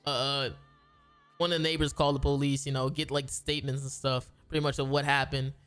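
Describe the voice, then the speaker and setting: A man's voice: mid-range voice, level tone, a little fast, a bit bright, clear, resonant tone, soft background music. A man who makes gaming videos tells a long story casually, rambling with slang and restarting his sentences.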